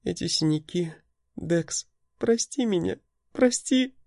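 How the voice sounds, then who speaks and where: A man's voice: fairly even intonation, moderate pace, vocal fry, a little mellow, dry recording, clean studio sound. A man voicing Lita, a battered young woman who sobs and trembles as she pleads and rages. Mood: tearful. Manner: sobbing, pleading, trembling high voice.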